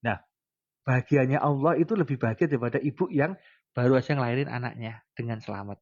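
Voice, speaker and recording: A man's voice: mid-range voice, fast talker. A male preacher with a Javanese accent giving a casual religious talk, telling stories with animation and acting out pleading prayers. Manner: animated storytelling, acts out pleading prayers and quotes. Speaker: Islamic preacher. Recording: dull lo-fi recording.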